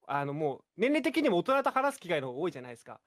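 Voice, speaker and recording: A young man co-hosting a radio talk show, teasing his younger co-host playfully and chattering quickly. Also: a little high, big pitch swings, dry recording, studio quality.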